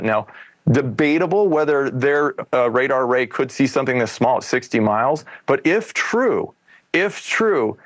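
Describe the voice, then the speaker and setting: In a dry recording, an American man with a mid-range voice appears as an expert guest, explaining a case during a conversational interview. He is a UFO investigator and former federal agent.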